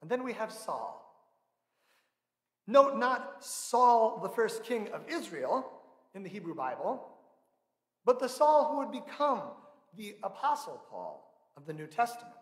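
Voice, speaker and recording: At the pulpit microphone of a large indoor church sanctuary, a pastor in his thirties preaches in a voice noticeably high for a man, fairly bright, with big pitch swings. He is measured and earnest, slowing down to stress key words, while a long, roomy reverb echoes through the space.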